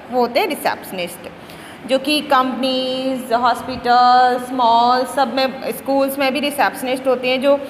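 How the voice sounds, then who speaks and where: A woman English teacher with an Indian accent, switching between Hindi and English, repeating words slowly for pupils to drill their pronunciation. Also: high voice, fairly bright tone, big-room sound, a little hiss or hum. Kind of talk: classroom lesson explaining words and pronunciation.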